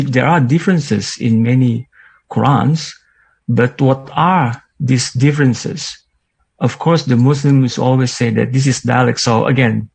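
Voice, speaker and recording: Male panelist; husky, gravelly voice; careful, repetitive questioning. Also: medium pitch, a little mellow, low-quality recording. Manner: deliberate, restates his point. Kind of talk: asking a question in a discussion.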